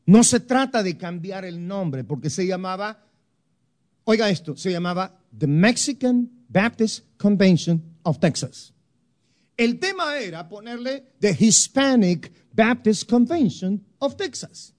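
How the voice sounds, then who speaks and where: A man preaching a sermon, emphatic, with big swings in pitch and loudness as he stresses points. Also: lively intonation, slow. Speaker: pastor.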